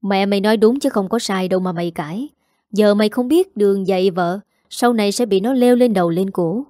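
A gruff, angry middle-aged father, lecturing his son, voiced by a woman reading a story. The tone is mellow and the recording is dry and close. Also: medium pitch, a little fast, no room sound, natural voice.

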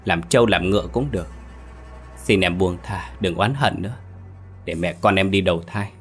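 A man's voice: sits low, moderate pace, soft background music, close to an everyday voice. A man voicing a desperate, guilt-ridden young husband who pleads and comes apart. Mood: pleading. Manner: pleading, breaking into frantic cries. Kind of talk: storytelling dialogue.

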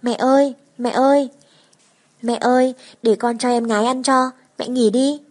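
A woman's voice: steady tone, unhurried, darkish tone. A woman doing chattering little schoolkids. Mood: eager. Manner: high, childlike and eager. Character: young twin children, boy and girl, chattering eagerly.

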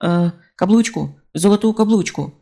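A reader voicing cornered male robbers in an audiobook, whining and pleading in raised, loud voices. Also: mid-range voice, normal speed, vocal fry, pitched above the performer's own voice, lightly acted.

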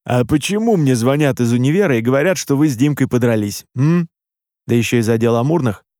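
Scolding dad, stern and reproachful, a male reader voicing him, warm low tone. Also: animated, fast talker, no echo, clean studio sound, natural voice. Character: stern middle-aged father, reproachful.

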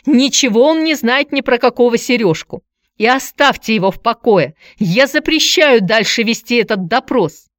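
A woman voicing a fussy, protective middle-aged aunt who talks in a shrill, quarrelsome way in an audiobook. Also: sing-song, normal speed, no room sound, studio quality, lightly acted. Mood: shrill angry. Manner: shrill, shouting and rattling words off.

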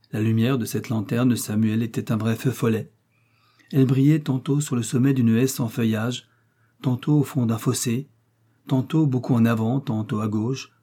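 A man narrating a classic novel as an audiobook, in a measured, steady storytelling manner. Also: medium pitch, slightly rough.

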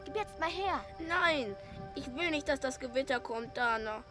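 A woman's voice: high voice, animated, over music. An actress voicing stubborn little girls who bicker and repeat each other in a radio drama. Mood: squabbling. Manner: quick childish bickering, repeating lines.

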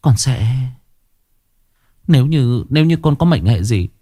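A man's voice: mid-range voice, expressive, unhurried, dark tone, no room sound, clean studio sound, voice pushed up. A man voicing a frightened but stubborn young village girl who talks in an urgent, pleading way, in a storybook horror tale.

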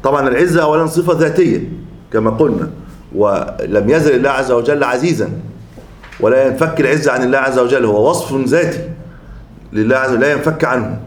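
A man teaches a classical creed text in a steady, mid-range voice. He works through each term slowly and often repeats or restarts his words as he explains. The room gives his voice a noticeable echo. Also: medium pitch. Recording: echoey room.

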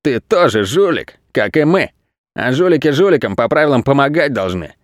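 A man's voice: medium pitch, big pitch swings, normal speed, dry recording, clean studio sound, close to an everyday voice. A man voicing a pair of scheming crooks in a children's audiobook, threatening and brash. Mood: sly. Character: scheming male crook duo, rough bullies.

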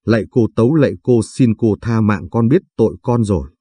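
A man's voice: on the low side, fairly quick, mellow, slightly rough, no room sound. A man voicing a frightened, guilt-ridden man in his forties who begs for mercy. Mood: pleading. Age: 40s. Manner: pleading.

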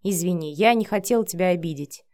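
A woman's voice: lowish voice, a little fast, a little mellow, natural voice. A woman voicing a sly, smirking man. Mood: mocking. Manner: smirking, teasing. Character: grown man, sly, mocking father. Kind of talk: audiobook character voice.

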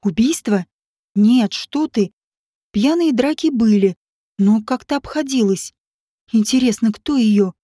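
A woman's voice: a little high, unhurried, warm tone, dry recording. A woman voicing a wry, reserved woman who runs a guesthouse, in an audiobook, with a dry, mildly mocking manner.

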